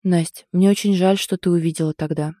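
A woman voicing a remorseful young man in an audiobook, speaking softly and apologetically. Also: lowish voice, fairly even intonation, fairly quick, no room sound, clean studio sound, close to an everyday voice. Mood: apologetic. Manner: soft, apologetic. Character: guilty young man, soft-spoken and remorseful.

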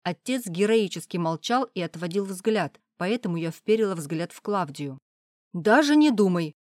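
A woman reading a first-person audiobook in an even, measured way. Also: on the low side, dry recording, clean studio sound. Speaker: audiobook narrator.

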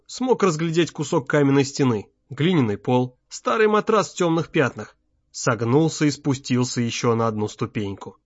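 A man narrating an audiobook in a measured, tense storytelling manner. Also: mid-range voice, no echo. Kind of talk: scripted narration. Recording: slightly muffled, dry.

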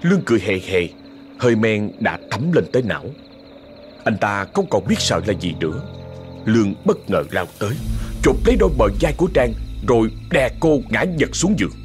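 A man narrating a ghost story in a dramatic, expressive way. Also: on the low side, brisk, music in the background.

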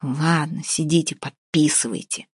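A stern, pedantic man in charge who questions everything like a prosecutor, as an audiobook narrator plays him. His lines come clipped and curt over a dry, close recording. The voice stays in the narrator's low-pitched range. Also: steady tone, a little slow, husky, dry recording, full character voice. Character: stern, pedantic male mall director. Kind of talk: audiobook character reading.

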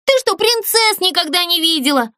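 A woman voicing a bratty, spoiled young girl doll in a storybook, shrill and bossy. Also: expressive, moderate pace, bright, forceful tone, no room sound, clean studio sound, full character voice.

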